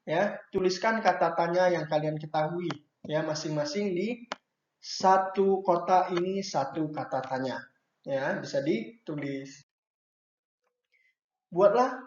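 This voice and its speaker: A man's voice: on the high side, darkish tone. A man teaching young children from a workbook, patiently explaining each task and often adding short checks like "ya" and "nah". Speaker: primary school teacher. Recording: echoey room, dull lo-fi sound.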